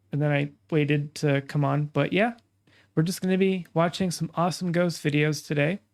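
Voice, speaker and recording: A streamer hosting a casual live reaction, talking with a stuffy nasal sound, as if pinching the nose. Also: mid-range voice. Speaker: streamer and host.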